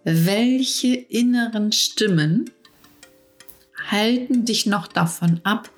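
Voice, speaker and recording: A middle-aged woman speaking as a coach in a reflective monologue, talking softly and intimately and addressing the listener directly. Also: mid-range voice, drawn-out words, soft background music.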